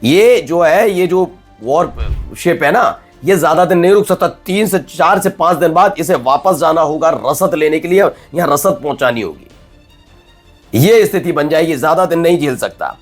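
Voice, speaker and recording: A man presenting news commentary in a conversational, animated way, with frequent restarts. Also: on the high side, normal speed, soft background music.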